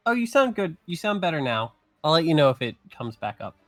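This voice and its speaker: Male game master, a little high-pitched, loose and rambling, leans on filler words. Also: big pitch swings, a little fast, fairly bright tone. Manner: rambling, fills speech with "like" and "um". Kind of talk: casual table talk before an online game. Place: online voice chat.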